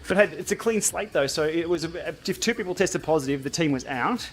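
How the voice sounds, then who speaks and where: Higher-pitched man bantering on a livestream. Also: lively intonation, brisk, low-quality recording. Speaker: livestream host. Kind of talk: casual livestream chat while riding indoor cycling game.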